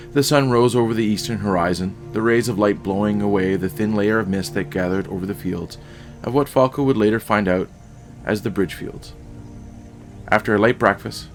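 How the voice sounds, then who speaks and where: Male game narrator, low voice, faint music underneath. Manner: steady, descriptive storytelling. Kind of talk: storytelling narration of a solo tabletop game.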